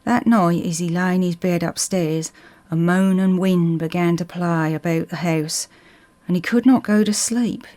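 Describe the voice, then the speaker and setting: A woman with a Suffolk accent reading a ghost story as scripted narration in a measured storytelling manner. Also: on the low side, steady tone, dark tone.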